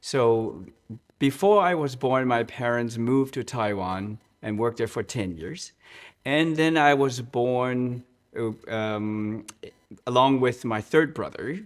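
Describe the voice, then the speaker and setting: A church music director from Hong Kong tells personal stories in an interview, speaking in a mid-pitched voice. He's earnest, halting, restarting and repeating words, and he slows down on key points.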